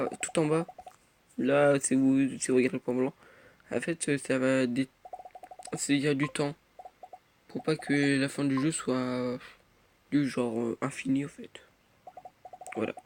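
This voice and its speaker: A teenage boy giving casual gameplay commentary, rambling with many fillers and muttering at the game. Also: medium pitch. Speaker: gaming youtuber. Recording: noisy home recording.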